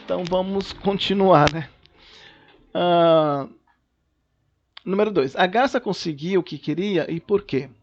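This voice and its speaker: A male teacher records a remote class lesson at home, patiently working through worksheet questions and often checking in with "né" and "tá." His voice is high-pitched, and the audio sounds dull.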